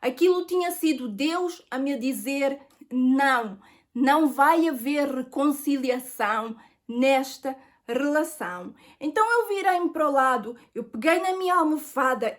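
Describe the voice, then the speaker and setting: A middle-aged woman with a European Portuguese accent, telling an earnest personal faith testimony and addressing viewers as friends. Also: high-pitched.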